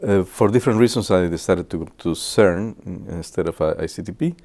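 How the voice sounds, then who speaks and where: Guy in his 60s, super low and mellow, lots of uhs while he remembers stuff for students. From Guatemala. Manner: halting, with many filler pauses. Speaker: physicist. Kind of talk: reminiscing talk to students.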